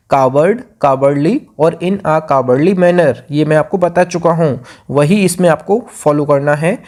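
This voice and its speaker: Indian man teaching grammar, mellow voice. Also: a little high. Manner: repetitive, drills rules step by step. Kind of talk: exam grammar lesson.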